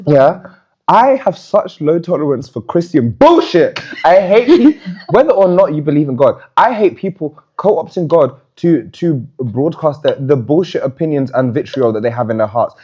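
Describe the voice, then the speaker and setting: Outspoken, profane podcast host. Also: female voice, low voice, animated, moderate pace, mellow, slightly rough, lo-fi sound. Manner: outspoken, profane, laughs often. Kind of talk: casual podcast chat.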